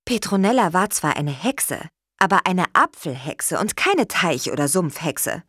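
A woman reading a children's storybook aloud in a gentle, expressive way. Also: on the low side, unhurried, slightly rough, no echo, clean studio sound. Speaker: narrator.

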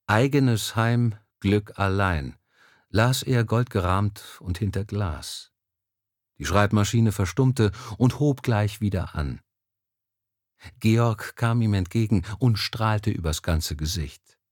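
A man narrating a novel in a calm, even storytelling voice. His voice sits on the low side and sounds close and dry. He reads at a steady pace with a measured, unhurried delivery. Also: no echo. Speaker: audiobook narrator. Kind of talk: scripted narration.

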